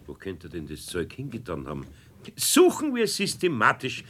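A man's voice: deep voice, huge pitch swings, moderate pace, fairly bright tone, heavily acted. An older man with a Bavarian accent playing a good-natured master carpenter in a radio play, grumbling but kind.

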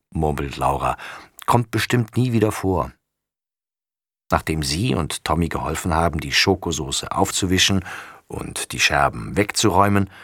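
A man reading a children's story aloud with lively, expressive narration. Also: low-pitched, husky, no echo, studio quality.

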